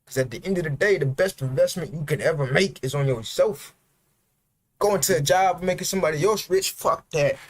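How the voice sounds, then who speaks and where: A man's voice: fairly high pitch, brisk, husky. Blunt, profane man ranting on stream. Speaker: livestreamer. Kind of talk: motivational livestream rant.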